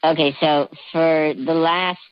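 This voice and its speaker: A man calling in anonymously with a voice changer disguising his voice, telling a story in a hesitant, halting way over the phone. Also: a little high, fairly even intonation. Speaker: anonymous caller. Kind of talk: casual phone-in confession. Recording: dull phone line.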